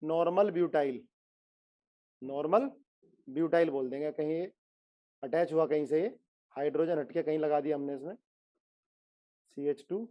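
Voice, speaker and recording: A man lectures a class on chemistry and keeps pressing his students to answer, repeating each question until they respond. His voice sits a little on the high side. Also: moderate pace, long pauses, highs cut off. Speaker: chemistry teacher.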